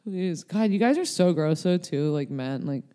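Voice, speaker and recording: A woman's voice: on the low side, expressive, moderate pace, mellow. A young woman chatting casually as a podcast guest, rambling and candid, full of fillers. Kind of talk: casual chat. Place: LA area.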